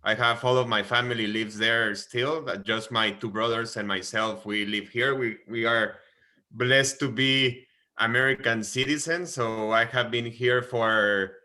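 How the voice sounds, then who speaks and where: A man's voice: medium pitch, steady tone, a little slow, bright, forceful tone. A man in his twenties from Guatemala with a Guatemalan Spanish accent, earnestly telling his story as a podcast guest and often repeating words as he searches for phrasing. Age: 20s. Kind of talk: casual podcast interview.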